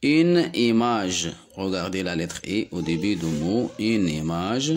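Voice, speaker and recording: A man from Morocco with a Moroccan accent, teaching young children to read and repeating each word slowly, syllable by syllable. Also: sits low, a little mellow, slight background noise. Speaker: primary school teacher. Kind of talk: slow, deliberate reading lesson for young children.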